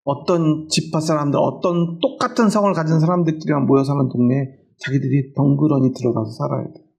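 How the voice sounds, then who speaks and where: Gravelly-voiced Korean pastor preaching conversationally. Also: male voice, a little high, steady tone, brisk, a little mellow. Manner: conversational preaching with questions to the congregation. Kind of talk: sermon.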